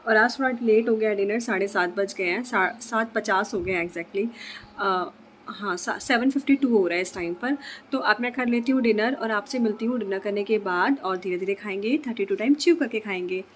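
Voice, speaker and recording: A woman's voice: medium pitch, moderate pace, a little hiss or hum. A woman vlogger chatting casually to her viewers, easygoing and thinking aloud as she talks. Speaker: lifestyle vlogger. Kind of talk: casual chat to camera.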